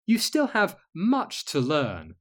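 A man voicing a serene, dreamy witch who speaks slowly and calmly. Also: high voice, pitched above the performer's own voice, full character voice. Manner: slow, soft-spoken, serene.

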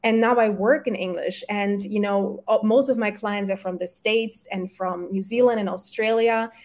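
A woman whose first languages are German and Polish appears as a guest health coach in a casual podcast conversation. Her mid-range voice is steady and a little mellow at a normal speed, and she's earnest and motivational, often correcting herself mid-phrase.

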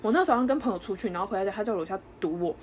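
A young woman co-hosting a casual podcast, telling a story in an animated way and acting out the lines of others. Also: medium pitch, a little hiss or hum. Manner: animated storyteller, quick, acts out dialogue. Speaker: podcast co-host.

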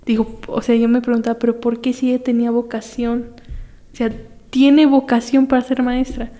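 Chatty young Mexican woman, mellow. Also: a little high, little pitch movement, normal speed. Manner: chatty storyteller with fillers, acts out quoted voices. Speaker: podcast guest. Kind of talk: casual chat.

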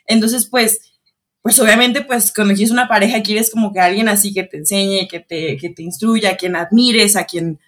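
A young woman in easy conversation. She tells stories with energy, laughing often and putting on the voices of people she quotes. Her pitch sits in a typical middle range for a woman. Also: steady tone, moderate pace, fairly bright tone. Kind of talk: casual chat.

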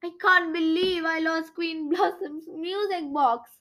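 A woman's voice: very high-pitched, fairly even intonation, unhurried, fairly bright tone, pitched above the performer's own voice. A woman voicing an anxious male mouse who scolds himself in a storybook reading. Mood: distraught. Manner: distraught, self-scolding.

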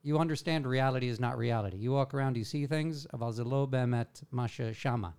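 A man hosting a podcast in casual chat, relaxed and dropping in English phrases. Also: mid-range voice, smooth.

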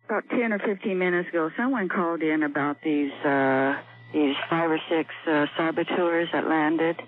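An older woman calling in to a radio show over the phone, speaking softly and hesitantly. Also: low voice, moderate pace, no echo. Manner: soft-spoken, hesitant. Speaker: caller. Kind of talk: call-in radio talk. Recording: tinny phone line, dry.

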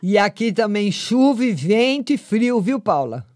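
A woman's voice: medium pitch, very animated, a little slow, darkish tone, no echo, clean studio sound. An older woman hosting a live call-in show, chatting affectionately with callers and giving them readings. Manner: affectionate, calls callers "my lovely". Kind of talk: casual live call-in chat.

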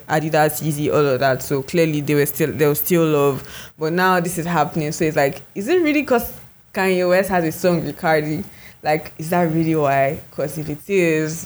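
A podcast co-host, chatting casually and rambling with many fillers and restarts. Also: mid-range voice. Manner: rambling, heavy use of "like" and restarts.

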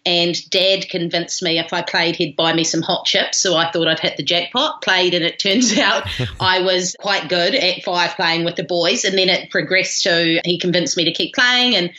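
A woman's voice: fairly low pitch, moderate pace, hardly any pauses, sharp tone, lo-fi sound. A woman from New Zealand with a broad Kiwi accent, telling her story casually as an interview guest. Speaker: podcast guest, pilot and former rugby player.

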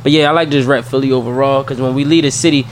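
A man from South Philadelphia with a Philly accent, a guest in a casual interview, speaking softly and easily with lots of ums. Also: mid-range voice, racing, over a noisy crowd. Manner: soft-spoken, relaxed, with many fillers. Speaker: guest, entrepreneur and youth mentor. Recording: faint background noise.

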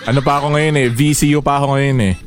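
A man co-hosting a casual chat show, joking around with quick reactions. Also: medium pitch, steady tone. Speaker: podcast co-host.

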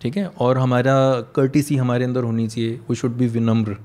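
A man's voice: medium pitch, flat delivery, moderate pace, a little mellow. A man, an English teacher with a slight Punjabi accent, chatting casually and telling stories while mixing Hindi and English. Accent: Punjabi-tinged English. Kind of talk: casual conversation.

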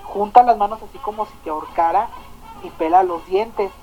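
A Mexican woman hosting a radio show, telling a story in a chatty, slangy, animated way. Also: medium pitch, moderate pace, soft background music, rough recording. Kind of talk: casual storytelling chat.

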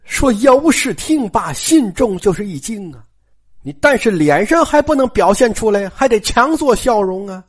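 Woman storyteller, husky voice, animated pitch, chatty asides to the audience. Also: normal speed. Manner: chatty, addresses listeners directly with asides. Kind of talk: colloquial storytelling of a classic novel.

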